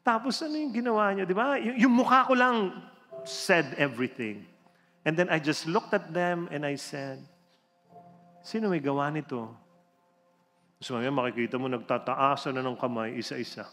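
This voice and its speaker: A man, a religion teacher, telling a true story to an audience in an animated, theatrical way. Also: moderate pace. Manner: animated, theatrical storytelling with big swings in pitch and loudness. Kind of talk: inspirational storytelling talk. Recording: reverberant hall with faint background music.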